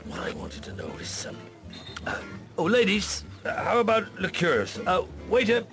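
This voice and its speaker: An actor playing a shrewd French police inspector on holiday in a radio drama, speaking in a wry, hesitant, conversational way. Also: male voice, high-pitched, wildly swooping pitch, moderate pace, over music, exaggerated voice. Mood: genial, sly.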